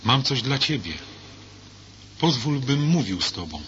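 A man's voice: mid-range voice, big pitch swings, measured pace, fairly bright tone. A man voicing a kind, pleading male governor disguised as a clergyman, in a read-aloud story. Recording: dull lo-fi with faint hiss.

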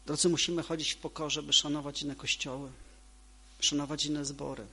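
A man preaching a sermon to a congregation, emphatic, repeating key phrases and moving between loud and soft delivery. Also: fairly high pitch, level tone, normal speed, slightly rough.

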